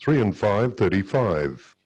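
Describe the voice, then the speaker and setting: A man's voice: lowish voice, very animated, slow pace, darkish tone, husky, no echo, dull audio. A man working as a bingo caller, announcing numbers in short, repetitive set phrases, digit by digit and then in full.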